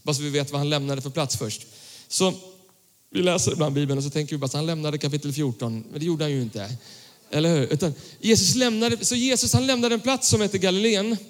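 A young male pastor preaching a casual sermon, reading scripture and talking in a relaxed, slangy way to his congregation. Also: on the high side. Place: church hall. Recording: church hall with long reverb.

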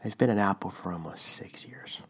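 Whispering man, low and husky. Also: fairly quick, a bit bright. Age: 30s. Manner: conversational, checks in with listener. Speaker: devotional podcast host. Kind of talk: casual reading of a blog post. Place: at home, partner asleep next room.

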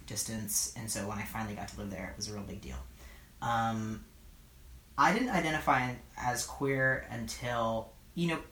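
A man's voice: medium pitch, a bit bright. Thirties guy from the east bay, hesitant and reflective, lots of ums, echoey apartment with a bit of hiss. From East Bay, California. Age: 30s. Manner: hesitant, thoughtful, many filler pauses. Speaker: oral history interviewee. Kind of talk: reflective interview answers. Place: his apartment. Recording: roomy apartment recording, faint noise.

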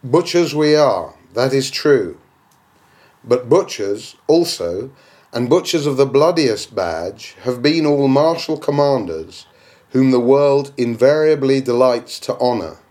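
A man narrates a classic novel as a literary audiobook, using rhetorical, declamatory phrasing. His mid-range voice is expressive and slow, with a darkish tone.

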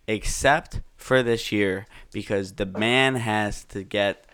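A young man co-hosting a casual chat, rambling through drawn-out asides. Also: on the low side, a bit bright. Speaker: co-host.

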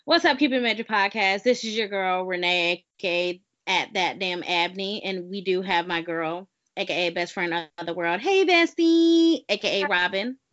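A woman's voice: on the low side, fairly even intonation, moderate pace, few pauses, pushed and bright. A young woman hosting a casual podcast, brash and profane, teasing her co-host. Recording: dull lo-fi audio.

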